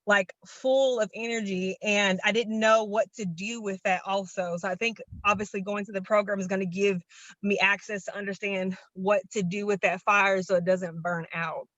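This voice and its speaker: A woman's voice: medium pitch, steady tone, moderate pace, fairly bright tone, dry recording. Breathless woman sharing on a lo-fi call. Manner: long-winded, earnest and enthusiastic. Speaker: program participant. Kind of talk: casual testimonial on a video call. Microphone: video call.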